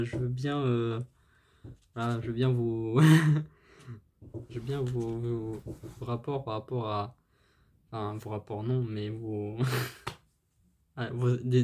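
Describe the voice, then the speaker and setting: Man, casual music host, hesitant, lots of fillers, apologetic, enthusiastic, medium pitch. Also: darkish tone, a little hiss or hum. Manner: hesitant, many fillers and restarts; apologetic, stumbling over foreign names. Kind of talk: casual presentation of a band's history.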